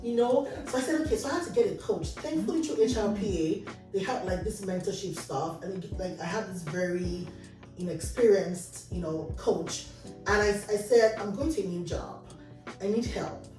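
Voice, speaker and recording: A woman's voice: mid-range voice, normal speed, dark tone. A woman from Nigeria, hosting a casual panel chat and acting out quoted dialogue as she tells stories. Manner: storytelling, acts out quoted dialogue. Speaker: host. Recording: roomy echo, distant mic, music behind.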